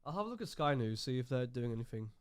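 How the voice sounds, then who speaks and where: A man's voice: mid-range voice, sing-song, fast, smooth. A man co-hosting a casual podcast, reading news headlines aloud between laughs. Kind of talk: casual chat.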